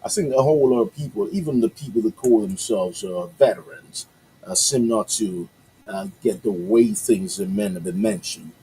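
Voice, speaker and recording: A male morning-show radio host whose first language is Yoruba chats casually in a warm, lowish voice at a moderate pace. He rambles, with lots of fillers, restarts and upbeat asides. The audio is poor, with slight background noise.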